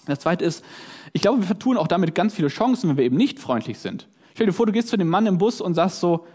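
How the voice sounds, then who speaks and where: Man, sermon, animated and fairly high voice, chatty delivery. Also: quick pace, breathy edge. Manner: lively, conversational, acts out voices in his examples; tag questions "ja?" and "ne?". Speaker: preacher.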